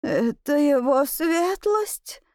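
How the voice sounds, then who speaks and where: A woman voicing a timid, cowardly male tutor who squeaks and whimpers in panic. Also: takes it slowly, dark tone, dry recording, studio quality. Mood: frightened.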